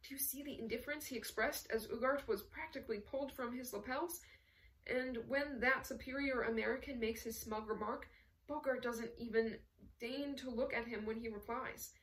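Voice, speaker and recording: Woman reading a wry, genteel older gentleman. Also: on the high side, steady tone, normal speed, distant mic, close to an everyday voice, rough recording.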